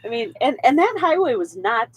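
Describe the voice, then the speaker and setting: A co-host recounting a ride in an expressive, chatty way. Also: high-pitched, a little fast, very noisy. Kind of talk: casual chat.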